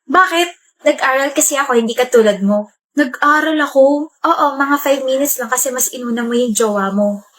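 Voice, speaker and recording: High-voiced teasing Filipina woman. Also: normal speed, fairly bright tone. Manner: teasing, bickering. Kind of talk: comedy skit acting.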